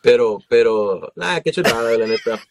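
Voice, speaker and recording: A man's voice: mid-range voice, expressive, normal speed. A man with a Mexican Spanish accent, a singer telling stories in casual podcast chat, slangy and profane.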